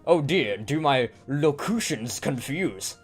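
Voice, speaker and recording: Man doing a pompous company boss, grand fussy wording, slow drawl, faint music behind. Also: mid-range voice, expressive, breathy edge. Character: pompous long-winded male company boss. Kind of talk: fan voice acting of a game script.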